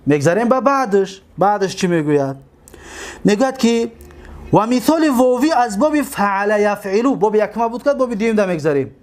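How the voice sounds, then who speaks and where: A male teacher with a Tajik accent, speaking in a fairly high voice. He drills word forms one by one in a steady lecture and poses questions to his class before answering them himself. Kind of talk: classroom lecture, explaining grammar.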